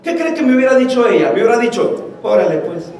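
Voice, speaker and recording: A male pastor preaching a sermon, telling stories and acting out the dialogue with lively energy. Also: extremely high pitch, fast talker, noisy background. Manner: animated storytelling, acting out dialogue. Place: church. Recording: echoey church hall from far off.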